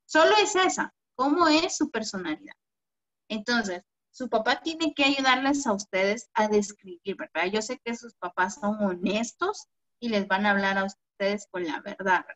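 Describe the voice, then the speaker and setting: A woman primary school teacher giving an online class to children, gentle and affectionate, often ending phrases with a questioning "¿verdad?". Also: mid-range voice, normal speed. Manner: affectionate, calls pupils "mi amor". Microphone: video call. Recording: dull lo-fi video call audio.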